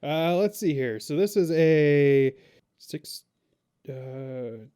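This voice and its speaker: A man co-hosting a laid-back podcast, talking in a plain, easygoing way. He hesitates often and fills pauses with ums and uhs. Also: a little high, lively intonation, dark tone, smooth. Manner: hesitant, lots of ums while reading. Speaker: podcast co-host. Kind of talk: casual podcast chat.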